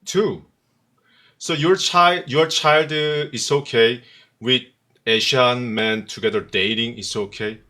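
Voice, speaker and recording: A man, chatting flirtatiously on a video call in halting, broken English. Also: mid-range voice, pushed and bright. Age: 30s. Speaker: guest caller. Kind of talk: casual video call chat.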